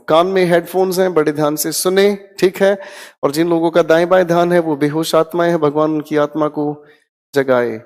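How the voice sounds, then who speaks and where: An energetic male teacher drilling vocabulary, calling out words loudly and checking in often. His voice sits a bit high for a man. It rings with a long reverb, as in a hall. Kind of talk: online exam-prep vocabulary lesson.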